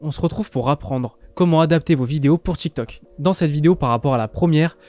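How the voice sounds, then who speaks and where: A man from France talking casually through a step-by-step software tutorial, with lots of filler sounds. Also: a little high, fast, over music. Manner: chatty, many filler "euh" and "bah". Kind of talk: casual screen-recorded tutorial.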